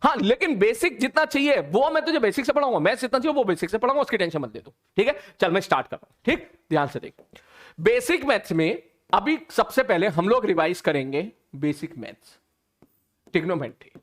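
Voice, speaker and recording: A man's voice: high-pitched, sing-song, a little fast. A man teaching a live online physics class, chatty and teasing, talking to his students informally.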